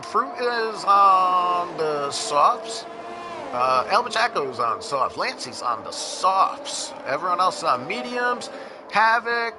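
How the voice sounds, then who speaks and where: A man with a New York accent commentating a sim race casually, with lots of fillers and restarts. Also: fairly high pitch. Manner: casual, rambling, many fillers. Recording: noisy with engine sounds behind. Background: racing car engines.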